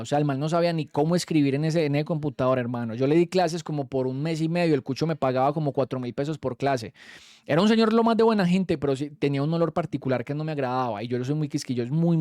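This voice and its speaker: A man's voice: a little high, no room sound. Slangy Colombian guy, dry close sound. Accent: Colombian Spanish. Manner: slangy, animated, swears freely. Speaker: streamer. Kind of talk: casual storytelling.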